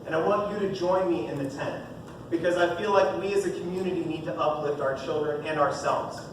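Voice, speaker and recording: Speaking fairly quickly to parents at a parish talk, a high-pitched, booming man in his thirties, the youth minister, keeps things upbeat and jokey with his audience. He's picked up without a mic from well across a heavily echoing room, with constant noise underneath.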